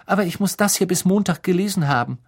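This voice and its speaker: A man voicing an earnest, bookish teenage schoolgirl in an audiobook reading, with a raised, hurried and insistent voice. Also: high voice, breathy edge, voice pushed up.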